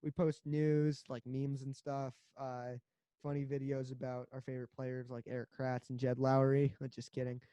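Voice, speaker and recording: A man's voice: medium pitch, completely flat delivery, normal speed, mellow, clean tone, dry recording, dull audio. A man co-hosting a casual sports podcast, rambling and joking as he chats. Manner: rambling, joking, laughs often. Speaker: podcast co-host.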